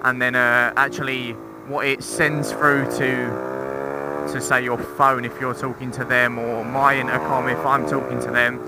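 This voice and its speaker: This is a young man with a gravelly, mid-range voice and flat delivery, talking a little slowly. As a motorcycle vlogger, he rides outdoors on roads and speaks informally into an intercom microphone inside his helmet. The review rambles, with swearing and self-mockery, and loud engine and road noise surrounds him.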